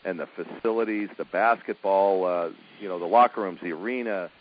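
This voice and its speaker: Middle-aged man, lowish voice, relaxed coach interview, muffled lo-fi line, faint hiss. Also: brisk. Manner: easygoing, chuckling, many fillers and restarts. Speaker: women's college basketball coach. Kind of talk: phone interview, casual chat.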